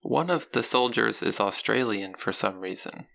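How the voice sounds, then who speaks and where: Gravelly deadpan male co-host. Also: on the low side, moderate pace. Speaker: podcast co-host. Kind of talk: casual chat.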